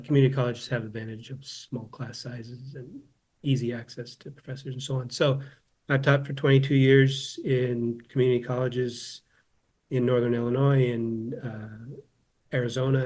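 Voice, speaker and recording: With a mid-range, slightly mellow voice, this philosophy professor from Southern California, in his fifties, is a guest on a casual interview. He comes across as thoughtful and frequently restarts by repeating words.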